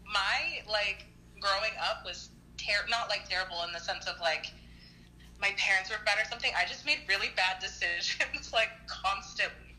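The speaker, a woman in her early twenties, has a mid-range, sharp voice and talks at normal speed. Chatting loosely on the phone, she says "like" a lot and coughs from time to time while recovering from an illness. Her rough recording carries slight hiss or hum.

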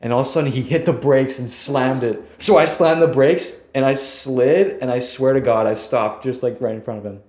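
A man's voice: medium pitch, steady tone, moderate pace, few pauses, darkish tone. A man co-hosting a podcast, chatting casually about a movie in a laid-back, profane way. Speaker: podcast co-host. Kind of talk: casual movie-review chat. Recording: roomy echo.

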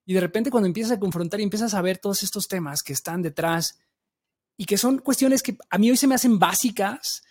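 A man's voice: high-pitched, a little fast, a little mellow. A man in his thirties with a Mexican accent, hosting a podcast in a casual, slangy way full of fillers. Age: 30s. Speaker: podcast host. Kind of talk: casual interview talk.

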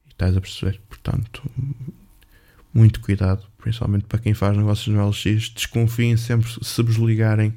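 A man's voice: on the low side, flat delivery, normal speed, mellow. A man with a European Portuguese accent, telling a personal story in a casual, profane, chatty way as a vlogger.

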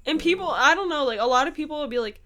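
A woman's voice: high-pitched, expressive, rapid-fire, sharp tone. A woman of twenty-one co-hosting a podcast, chatting casually in a blunt, swearing, joking way. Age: 20s. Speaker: podcast co-host. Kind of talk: casual chat.

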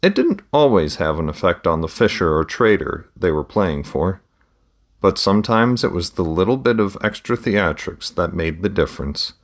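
A man narrating a fantasy story aloud in a steady, measured reading. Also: sits low. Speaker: audiobook narrator.

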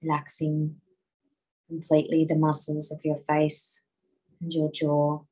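A woman guiding a listener through muscle relaxation in a slow, soothing voice. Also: low-pitched, completely flat delivery, dark tone, breathy edge, low-quality recording. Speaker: relaxation guide. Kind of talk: guided relaxation.

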